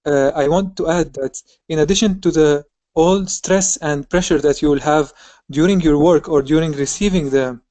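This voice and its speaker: A woman's voice: low-pitched, moderate pace, warm tone, dry recording. A woman speaks earnestly over a video call, sometimes stopping to search for words. Her voice sounds dry and close. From Syria. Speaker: surgery resident.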